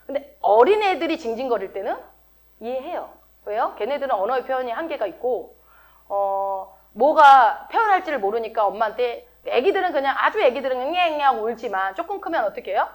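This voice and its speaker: Woman pastor preaching in a chatty way. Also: a little high. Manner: conversational, asks the congregation many questions. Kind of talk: sermon.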